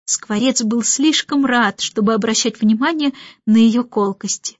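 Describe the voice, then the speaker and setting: A woman reading a children's story aloud in measured, clear audiobook narration. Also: a little high, no room sound. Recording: dull lo-fi audiobook, faint music.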